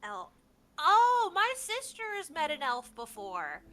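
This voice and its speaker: A woman's voice: high voice, huge pitch swings, slow, bright, forceful tone, faint music behind, pitched above the performer's own voice, full character voice. A woman voicing a curious, blunt young tiefling boy in a tabletop game, with hesitant, childlike questions.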